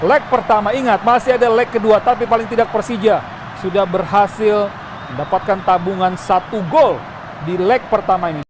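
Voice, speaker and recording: A man with an Indonesian accent giving excitable, emphatic live football commentary. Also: high voice, normal speed. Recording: very noisy outdoor stadium sound.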